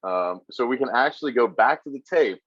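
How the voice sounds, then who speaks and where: A man's voice: mid-range voice, animated, brisk, a bit bright, no echo, dull audio. A man co-hosting a casual interview, rambling and enthusiastic with lots of fillers. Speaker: podcast co-host.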